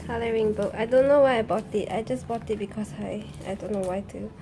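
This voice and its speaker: A young woman chatting casually through an unboxing, often gushing with fan excitement. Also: on the high side, fast talker, background noise. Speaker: unboxing vlogger.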